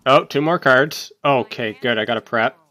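Man, mid pitch, dry close mic; casual gameplay commentator who mutters his thinking aloud and yelps when plays go wrong. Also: normal speed, no echo. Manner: thinking aloud, muttering, sudden excited outbursts. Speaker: gaming YouTuber.

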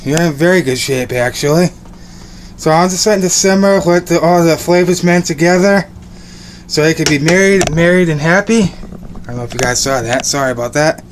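A man's voice: on the high side, moderate pace, slight background noise. A young man vlogging casually as he cooks at home, upbeat and rambling, repeating his words, filmed on a phone held at arm's length. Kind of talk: casual cooking vlog. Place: small home kitchen and bedroom indoors. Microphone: phone camera at arm's length.

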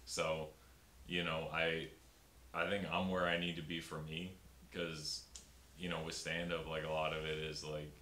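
A young stand-up comedian with a very deep voice chats casually in an interview, full of fillers and restarts. His delivery is flat, unhurried and sharp in tone. He's filmed from the upper body by a fixed camera in a small room before a pink backdrop, and the sound is roomy with a faint hiss.

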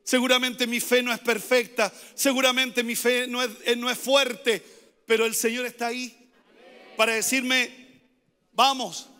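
High, bright-voiced pastor preaching in a reverberant hall. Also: male voice, flat delivery, a little slow, smooth. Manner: emphatic, repeats phrases, rises to shouted pleas. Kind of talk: sermon.

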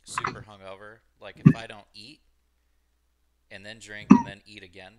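A man's voice: on the low side, lively intonation, normal speed, a little mellow. A man in his twenties telling stories in a laid-back casual chat, swearing often. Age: 20s.

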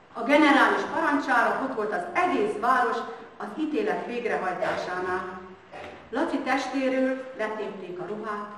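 A woman's voice: medium pitch, fairly bright tone. A woman reciting a story earnestly and dramatically at a commemoration, recorded from a distance. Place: large hall at a village celebration. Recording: echoey hall, distant mic, faint noise.

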